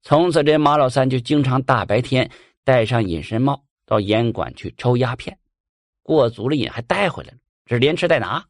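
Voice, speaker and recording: A male storyteller spinning a folk ghost story in a colloquial, animated way. His pitch rises and falls widely, and the sound is dry and close to the mic. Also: moderate pace, no echo.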